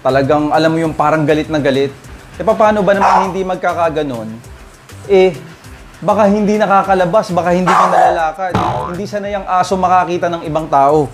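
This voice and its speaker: A man's voice: high voice, fairly quick. Chatty man vlogging with music. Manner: chatty, addresses viewers directly, frequent "guys" and "oh". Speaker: dog breeder vlogger. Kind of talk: casual vlog talk to viewers. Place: home kennel, outdoors. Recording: music bed under voice. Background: music playing.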